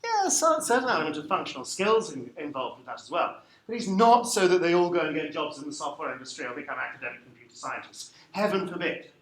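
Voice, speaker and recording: A man giving a live lecture to a room of teachers, lively and wry, putting questions to the audience. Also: a little high, quick pace, hardly any pauses. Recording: echoey room, faint background noise.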